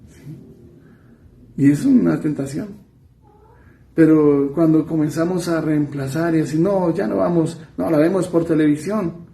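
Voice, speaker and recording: Colombian priest giving a homily, fairly high but mellow voice, chatty preaching, echoey room. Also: male voice, vocal fry. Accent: Colombian Spanish. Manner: conversational preaching, soft trailing asides, quick runs then slow emphasis. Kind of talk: sermon.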